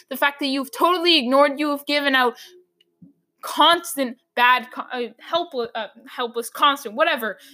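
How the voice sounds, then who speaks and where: A woman hosts her own sports talk podcast and rants her opinions in frustration. Her voice sits a little high and is going hoarse from talking too long. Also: pushed and bright.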